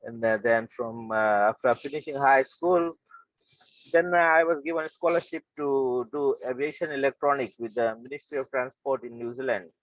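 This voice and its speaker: A man's voice: medium pitch, moderate pace, no room sound, muffled recording. A man from Fiji telling his life story as a guest speaker, hesitant, with many fillers and restarts. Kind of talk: personal storytelling.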